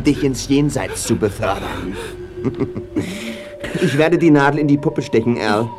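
An actor playing a vengeful male blackmailer in an audio drama, theatrical in delivery. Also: a little high. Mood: gloating, menacing. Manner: menacing, theatrical.

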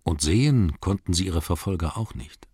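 A man narrating a storybook in a measured, dramatic reading, slowing down for emphasis. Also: low-pitched, animated, a little mellow, slightly rough, no room sound, clean studio sound. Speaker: audiobook narrator.

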